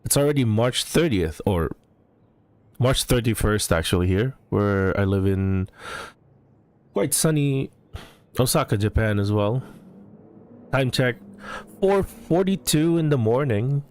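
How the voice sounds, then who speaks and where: A man giving live sim racing commentary as a regular commentator, halting and often correcting himself. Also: mid-range voice, animated, a little mellow. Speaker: race commentator.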